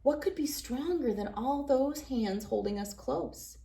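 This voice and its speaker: A high-pitched woman's voice reads a children's picture book aloud. As host, she phrases the story in an expressive, deliberate way.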